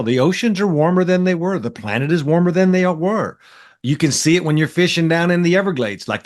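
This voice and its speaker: A middle-aged man, talking politics in a blunt, folksy way as a podcast co-host. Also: fairly high pitch. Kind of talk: casual political chat.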